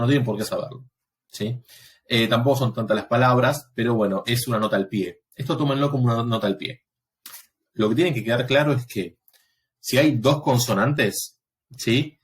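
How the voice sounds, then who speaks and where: A man teaching a Latin class, explaining step by step and often pausing to check that students follow. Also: medium pitch. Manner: patient, explanatory, checks understanding with frequent "¿sí?". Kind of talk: recorded class lecture.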